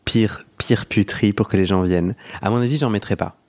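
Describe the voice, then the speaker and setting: A man's voice: on the low side, a little fast, darkish tone. A young man hosting a podcast, telling a story in a chatty way, laughing often and restarting his sentences. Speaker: podcast host. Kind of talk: casual storytelling chat.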